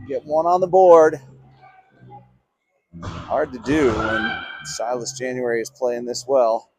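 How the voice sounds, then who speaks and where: A man calling live play-by-play for a youth hockey game, chatty and easygoing, getting louder on big plays. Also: medium pitch, noisy background. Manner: chatty, laughs often, rises in excitement on big plays.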